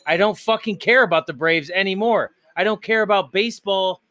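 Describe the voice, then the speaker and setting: A man with a somewhat high voice chats about sports in a relaxed, teasing way, swearing now and then. His voice is recorded close and dry, with no room sound. It's an easygoing podcast conversation. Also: brisk, dry recording, faint music behind. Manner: teasing, laid-back, swears casually. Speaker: podcast co-host. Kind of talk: casual sports chat.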